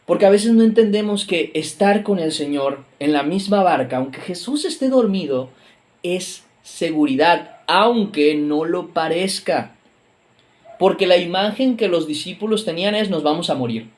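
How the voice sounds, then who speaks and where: A man's voice: sits high, lively intonation, measured pace. A man preaching a video sermon in a conversational, emphatic way, with reflective asides and self-corrections.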